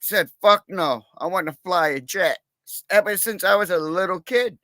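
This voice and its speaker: A man with a fairly high voice rambles through a casual livestream chat, swearing freely and leaning on fillers. The sound is dry and close, with no room around it. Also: moderate pace, sharp tone, no echo. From Massachusetts, USA. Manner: rambling, profane, with many fillers. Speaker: livestream guest, cop watcher.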